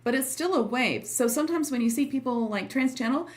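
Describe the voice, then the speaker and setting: A woman's voice: high-pitched, expressive, fairly quick. Giggly, informal woman chatting on a livestream. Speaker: host and trance channeling teacher. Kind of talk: casual livestream chat with viewers.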